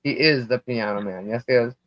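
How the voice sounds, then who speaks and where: A Long Island, New York woman with a bass voice hosts a live stream, chatting casually and a little fast, rambling and laughing often. A poor internet connection makes her cut out. The stream audio is dull, dry and lo-fi, with no room sound.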